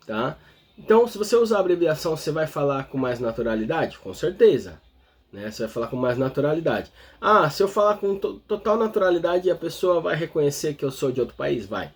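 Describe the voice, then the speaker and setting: Husky Brazilian male English teacher. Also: fairly high pitch. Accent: Brazilian Portuguese. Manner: explains step by step, constantly checking in with the listener. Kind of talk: explanatory online lesson.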